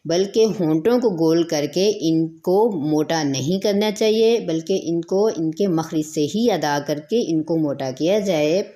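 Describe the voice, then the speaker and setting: Slow, careful woman teaching recitation. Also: sits low, mellow. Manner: repeats points, draws out letter sounds as models.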